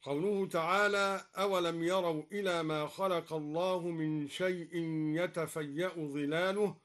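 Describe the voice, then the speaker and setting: A man with a high voice delivers a measured radio lesson on Quran readings from a studio. He explains each variant plainly, then chants the verse to show it. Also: steady tone, fairly bright tone.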